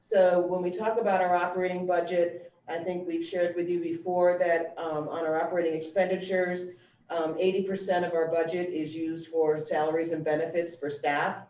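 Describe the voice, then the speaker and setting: A woman giving an informal, explanatory presentation in a measured, matter-of-fact way. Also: fairly low pitch, little pitch movement, dark tone. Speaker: school district finance presenter. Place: meeting room, relayed over a video call. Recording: echoey room, distant mic, faint noise.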